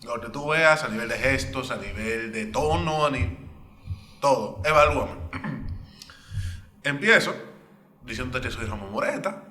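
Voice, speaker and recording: Anfitrión de pódcast, hombre, que entrevista en tono de charla con voz clara y brillante. La grabación suena con eco, en una sala resonante. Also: male voice, mid-range voice, animated, unhurried, long pauses, sharp tone. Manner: conversational, asks questions directly. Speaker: podcast host. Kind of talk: casual interview chat. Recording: echoey room.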